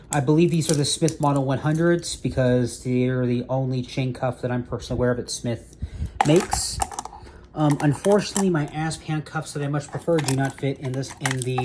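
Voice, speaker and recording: Security guy going over his duty belt, trips over names and fixes them, bit of background noise. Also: medium pitch. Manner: rambling, self-correcting, laughs at own slips. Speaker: security officer reviewing duty gear. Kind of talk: casual gear walkthrough.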